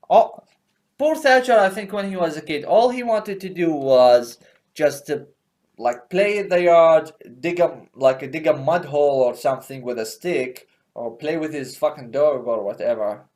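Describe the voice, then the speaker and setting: A man's voice: a little high, darkish tone. Rambling, profane male stand-up comic. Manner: rambling, profane, filler-heavy. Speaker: comedian. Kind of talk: stand-up comedy monologue.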